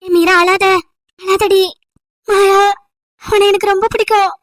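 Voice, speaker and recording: A woman's voice: extremely high pitch, flat delivery, a little slow, a bit bright, no room sound, clean studio sound. A woman voicing a protective young woman in an amateur audio drama, soothing and earnest. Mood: comforting.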